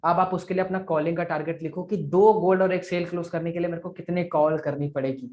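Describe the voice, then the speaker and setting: A man's voice: fairly high pitch, steady tone, fast, darkish tone, muffled recording. A man who trains affiliate marketers, coaching trainees through sales targets and repeating figures aloud in a live online session over a video call.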